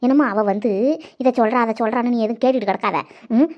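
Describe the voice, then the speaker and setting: A woman's voice: fairly high pitch, fast, natural voice. A woman voicing a blunt younger sister in a cartoon, gossiping and running others down. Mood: gossipy. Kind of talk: cartoon voice acting. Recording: dull lo-fi audio.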